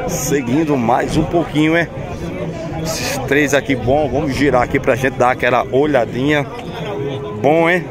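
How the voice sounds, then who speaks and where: A man's voice: medium pitch, measured pace. A man with a Northeastern Brazilian accent vlogging casually outdoors, chatty and upbeat as he greets sellers and calls out to his viewers. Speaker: vlogger touring a cattle market. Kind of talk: casual walk-around vlog with interviews. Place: outdoor cattle market, busy crowd. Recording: loud crowd noise outdoors.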